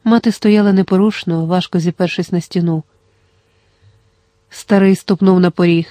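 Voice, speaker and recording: A steady audiobook narrator reads the story in a dark, mellow tone. The delivery stays even and controlled, and the recording is dry and close with no room sound. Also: mid-range voice, moderate pace, no room sound. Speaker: audiobook reader.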